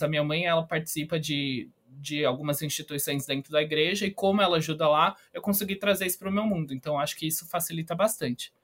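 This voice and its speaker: A man's voice: fairly high pitch, fairly bright tone. A young man with a Brazilian Portuguese accent, a trainee earnestly explaining his advice in an interview. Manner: earnest, explanatory, giving tips. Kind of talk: casual interview answers.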